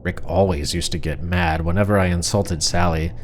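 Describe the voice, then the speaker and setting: A man narrating a horror story in the first person as a frightened, suspicious wife, confiding and uneasy, with deliberate pauses. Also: low voice, steady tone, a little hiss or hum, natural voice. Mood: tense, suspicious. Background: music.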